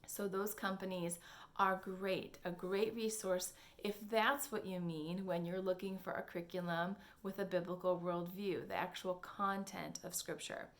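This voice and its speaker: A young adult woman giving homeschool curriculum recommendations in a casual, earnest way, hedging often and pausing with ums and restarts. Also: on the low side, fairly even intonation. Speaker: homeschool blogger.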